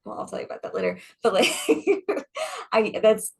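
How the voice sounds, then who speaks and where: Rambling woman with a gravelly, husky voice. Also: mid-range voice, sing-song, normal speed. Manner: rambling, laughs often, many restarts and fillers. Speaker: guest, stage actress. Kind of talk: casual interview chat.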